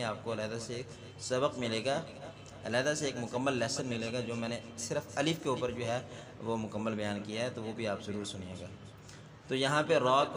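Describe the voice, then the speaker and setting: A man teaching Quran recitation word by word, repeating each sound slowly and drawn out for the learner. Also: mid-range voice, big-room sound. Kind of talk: slow word-by-word recitation lesson.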